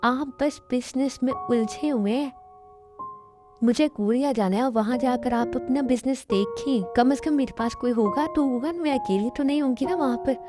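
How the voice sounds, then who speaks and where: A woman's voice: high-pitched, moderate pace, music in the background, close to an everyday voice. A woman voicing a sulky young wife in an amateur Hindi dubbed drama, speaking in a complaining, reproachful way.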